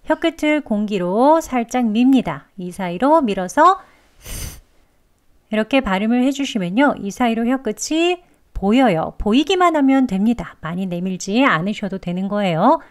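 A woman teaching English pronunciation, explaining patiently and modelling sounds slowly. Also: a little high, lively intonation. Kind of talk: pronunciation lesson.

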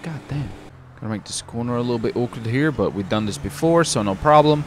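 A man's voice: medium pitch, expressive, quick pace, slight background noise. A young man from the UK chatting casually while roleplaying in a driving game, rambling and saying "dude" a lot. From United Kingdom. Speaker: roleplay streamer.

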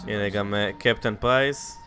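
A twenty-year-old man hosting a let's play, giving excited commentary into a headset and bursting into loud exclamations. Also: fairly low pitch. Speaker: gaming channel host. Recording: gunfire and game sounds loud behind.

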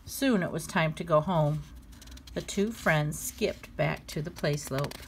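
A woman reading a children's storybook aloud, expressive and lively. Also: sits low, measured pace, noisy background. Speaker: storybook reader.

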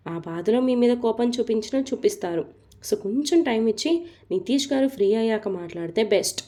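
A woman's voice: fairly high pitch, lively intonation, a little fast, warm tone, close to an everyday voice. A woman voicing a caring, frank young female office assistant who chats reassuringly in an audio story. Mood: soothing. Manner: reassuring, chatty.

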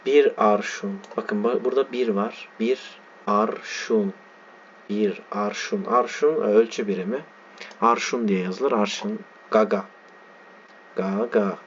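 Lower-voiced man teaching, dull lo-fi sound. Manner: slow, spelling out letters and words. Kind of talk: reading and explaining a text. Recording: dull lo-fi sound with faint background noise.

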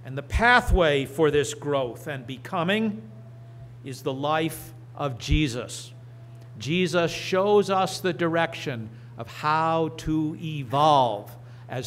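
A middle-aged man preaching and reading scripture from a church lectern, slow and deliberate with emphatic rises. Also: a little high, lively intonation. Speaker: pastor. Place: church sanctuary. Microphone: lectern microphone.

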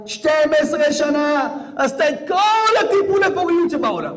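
Male rabbi, high-pitched, dramatic sermon delivery with loud outbursts and hushed asides. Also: expressive. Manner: theatrical, swings from shouting to whispering.

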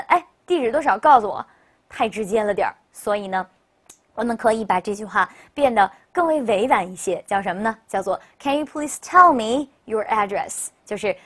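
A woman English teacher giving a recorded vocabulary lesson. She explains in Chinese in a chatty, upbeat way and slows right down to model each English word for listeners to repeat. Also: a little high, a bit bright. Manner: upbeat, chatty classroom delivery with frequent "OK, 好的".

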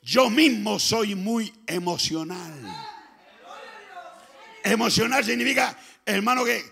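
Fervent high-voiced Chilean pastor, shouting. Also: male voice, slow, creaky. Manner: fervent, often shouting, swings between loud and soft. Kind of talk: Pentecostal sermon. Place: church.

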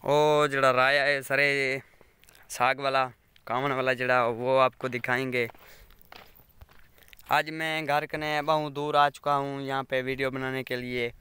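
Phone camera in hand, a Pakistani village vlogger walks his fields and chats in a rambling way, often reminding viewers to subscribe. His Saraiki-accented voice is mid-range, bright and very clear, even in tone and unhurried. Recorded close up outdoors, the audio is dry with no room echo.

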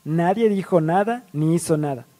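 A young man narrating an animated storytime in a lively, self-mocking way, acting out other people's lines. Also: a little high, normal speed.

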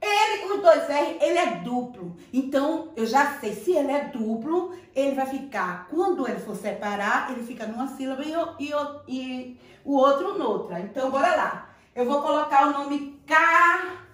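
A Brazilian primary school teacher gives young children a playful, affectionate lesson in sing-song teacher talk with a Brazilian Portuguese accent. Her voice is high and a bit bright, with lively intonation at normal speed. The room is echoey and she sits a bit far from the mic.

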